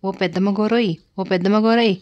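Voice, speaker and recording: A woman voicing an excitable rustic male cowherd who calls out loudly in plain village speech. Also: mid-range voice, fairly quick, lo-fi sound, close to an everyday voice. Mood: shouting.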